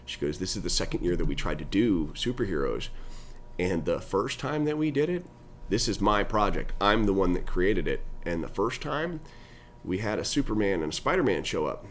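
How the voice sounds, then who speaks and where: A middle-aged man, a guest in an interview, telling animated stories about his nonprofit. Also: moderate pace, slight background noise. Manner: animated storyteller, pitch climbs when excited. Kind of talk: conversational interview storytelling.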